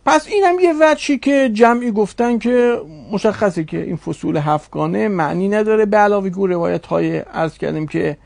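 A man's voice: high voice, creaky, hardly any pauses, a little mellow, dry recording. A man teaching a religious studies class, reasoning aloud and posing rhetorical questions to his students.

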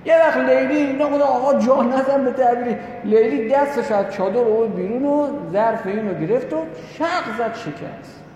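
A man preaching a sermon, telling a religious story in an animated way and voicing the people in it. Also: very high voice, few pauses. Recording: echoey hall with long reverb, faint noise.

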